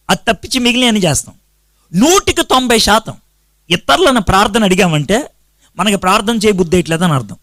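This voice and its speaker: A man preaching a sermon to a congregation as pastor. He asks his listeners questions, answers them himself, and counts out his points slowly and with emphasis. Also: high-pitched, a bit bright, dry recording.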